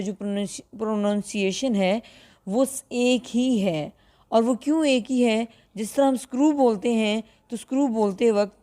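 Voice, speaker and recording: A woman teaching a recorded lesson. She explains patiently and clearly, and slows down to drill pronunciation. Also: mid-range voice, dark tone. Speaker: Qur'an translation teacher.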